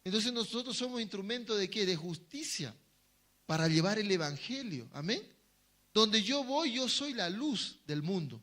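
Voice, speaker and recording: A man's voice: sits high, expressive, normal speed, sharp tone. A man preaching a sermon to his congregation, asking them questions and answering them himself, sometimes acting out short quoted voices. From Bolivia. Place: church hall.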